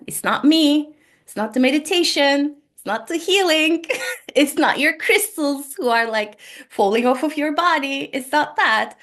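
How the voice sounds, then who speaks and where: A Turkish woman, native Turkish speaker, who works as a spiritual healer and podcast host delivers a spiritual monologue to her listeners from home. Her mid-range voice is slow, gentle and earnest, and she repeats phrases for emphasis. It's recorded on a laptop microphone.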